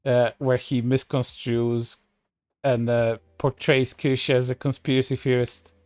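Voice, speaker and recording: A man's voice: mid-range voice, little pitch movement, a little slow, a little mellow, no room sound. A man commenting on online posts in a sarcastic, profane way, with many fillers and restarts. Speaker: streamer.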